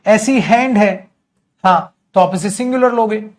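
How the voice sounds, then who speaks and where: Unhurried and high-pitched, he teaches English grammar in an online streaming class while glancing at live comments. Students get called "beta," key terms get repeated, and he acts out short scenes between students and their mothers.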